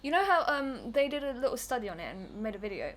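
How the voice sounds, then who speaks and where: A woman's voice: a little high, sing-song, fast talker, a bit bright. A young woman co-commentating a let's play, chatty and teasing, often laughing. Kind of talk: casual gaming commentary.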